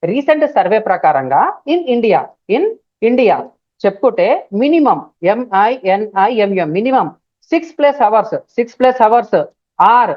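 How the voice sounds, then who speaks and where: Woman trainer, Telugu accent, live online class; loud and emphatic, repeats and spells out terms; muffled, dead-dry audio. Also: mid-range voice, dry recording. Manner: spells words out letter by letter. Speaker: digital marketing trainer. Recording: dull, dry lo-fi stream audio.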